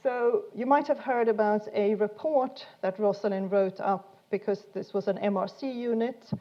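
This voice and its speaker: A woman with a medium-pitched voice speaks at a moderate pace, and the audio sounds dull. She gives an informal science lecture, explaining things hesitantly and often repeating words as she goes.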